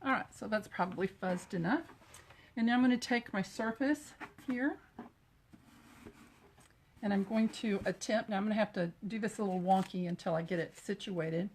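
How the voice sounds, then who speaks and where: A woman's voice: mid-range voice, moderate pace, pauses often, a little hiss or hum. A middle-aged woman from Texas, chatting and greeting viewers as she demonstrates a craft project during a live stream. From Texas, USA. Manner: chatty, greets viewers while working with her hands.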